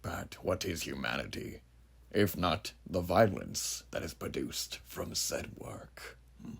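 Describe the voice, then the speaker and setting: A man playing a huge, ageless, sinister judge who muses grandly and theatrically in a horror monologue, with a gravelly, breathy voice and rhetorical questions to the listener. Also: low-pitched, expressive, slow, fairly bright tone, heavily acted. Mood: grandiose, sinister. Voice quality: gravelly, husky, breathy at phrase ends. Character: huge ageless sinister philosophizing judge, menacing male drifter.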